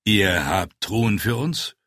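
A man voicing an older, stern ascetic who speaks in a measured, condescending way in a storybook reading. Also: lowish voice, animated, a bit bright, no room sound, clean studio sound, exaggerated voice. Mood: cool.

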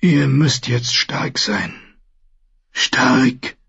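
A frail old maester near death, his voice a faint, breathy half-whisper that sits a little above the reader's own, as a male narrator puts him on. He speaks slowly and gently through the pain, with a husky, dull audiobook sound. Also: mid-range voice, no echo, pitched above the performer's own voice, full character voice. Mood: weak, grave. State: in pain, dying. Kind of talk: audiobook character voice.

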